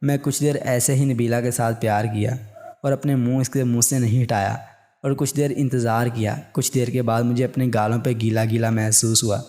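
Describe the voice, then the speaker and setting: Mellow-voiced man reading a story. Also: medium pitch, steady tone. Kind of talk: scripted narration of a story.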